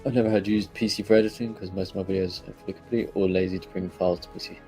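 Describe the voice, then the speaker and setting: Deep-voiced man streaming. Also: rapid-fire, faint music behind. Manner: relaxed, rambling, hesitant with frequent fillers. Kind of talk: casual live-stream chat, answering viewers.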